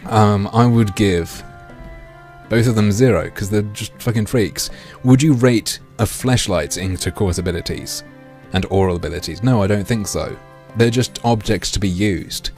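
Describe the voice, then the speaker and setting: A man livestreaming through a headset mic, reading a game aloud and joking crudely with his chat in a deadpan way. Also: on the low side, normal speed, soft background music.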